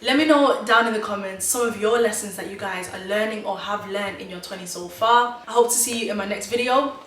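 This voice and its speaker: A Zimbabwe-born woman in her twenties gives emphatic, motivational life advice directly to her viewers in a chatty vlog. Her medium-pitched voice is a little fast and recorded from a distance, with the mic set back, a roomy echo, and faint music.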